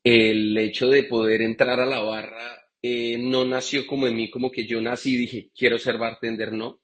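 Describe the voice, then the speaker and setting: Over a video call, a man from Bogotá with a Colombian Spanish accent chats through his story as a guest bartender in a live interview, often restarting and using fillers. He delivers it flatly at a moderate pace, in a medium-pitched, fairly bright voice.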